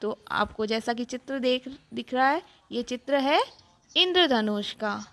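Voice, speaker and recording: A woman's voice: on the high side, expressive, measured pace. A woman teacher patiently walking through a children's worksheet, explaining each answer step by step. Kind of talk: worksheet walkthrough lesson.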